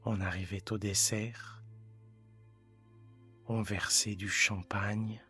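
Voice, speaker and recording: A man reading a classic short story aloud as a calm, hushed bedtime narration. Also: lowish voice, soft background music. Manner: calm, hushed, measured delivery. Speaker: audiobook narrator.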